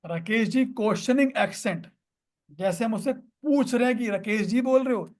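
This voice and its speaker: A man's voice: extremely high pitch, normal speed, darkish tone. A man working as a coach, walking through sales-call steps in an instructive manner, mixing Hindi and English phrases. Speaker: payment recovery coach. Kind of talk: coaching lesson on sales calls.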